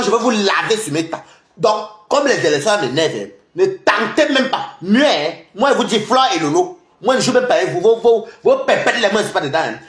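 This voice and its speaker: A male social media commentator with a fairly high voice launches a confrontational online rant, jabbing at his rivals again and again with taunts and mockery. His volume lurches from loud outbursts to low muttered asides, and the room around him echoes.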